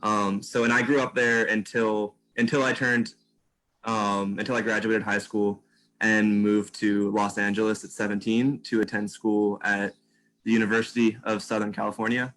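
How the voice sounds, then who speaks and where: A young man from Virginia, a scholarship recipient giving casual interview answers, reflects on his background and says "um" often. His voice is on the low side, level, moderately paced and a bit bright, in a rough recording.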